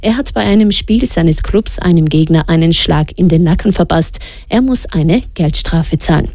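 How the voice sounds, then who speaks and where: A woman reading the radio news in a steady, measured way. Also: on the low side, no echo, studio quality. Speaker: news presenter. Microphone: studio microphone.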